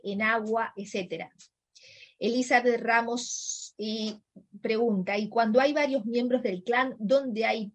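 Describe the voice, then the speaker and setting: Woman co-host reading viewer comments. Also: fairly high pitch. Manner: brisk reading, names each commenter.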